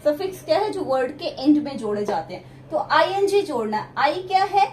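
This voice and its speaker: Female grammar teacher, high voice, echoey room, quizzing students as she explains. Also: sing-song, normal speed, a little hiss or hum. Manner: explains step by step with repeated questions. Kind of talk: exam-prep lesson.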